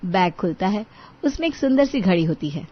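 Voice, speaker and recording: A woman's voice: medium pitch, expressive, normal speed, muffled recording. Woman narrating a storybook cartoon.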